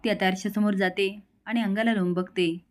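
A woman's voice: medium pitch, fairly even intonation, a little fast. A woman storyteller retelling a TV serial's plot in plain, running narration.

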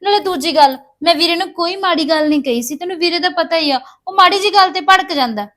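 Woman playing a defensive young sister-in-law, pleading, apologetic, high voice. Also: fast talker, a bit bright.

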